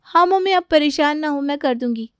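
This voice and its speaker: Bratty cartoon girl, very high and carefree a woman doing it. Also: brisk, no room sound, close to an everyday voice. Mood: cheeky. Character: lazy cheeky teenage daughter.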